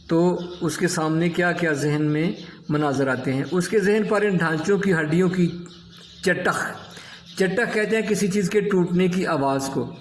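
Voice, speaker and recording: A man teaching an Urdu lesson, explaining word meanings and correcting pronunciation by repeating words slowly. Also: high voice, roomy sound, a little hiss or hum.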